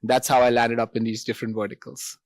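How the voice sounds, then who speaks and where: A man, speaking in a measured, logical way on a conference panel. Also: medium pitch, flat delivery, dry recording. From India. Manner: measured, logical, with light laughs. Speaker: founder and CEO, panelist. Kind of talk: panel discussion.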